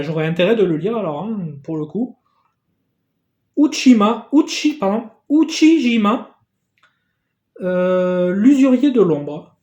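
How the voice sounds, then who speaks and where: A man in a casual unboxing vlog who gets excitable, swears casually and thanks the sender again and again. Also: high-pitched, roomy sound. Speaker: YouTuber opening a gift parcel.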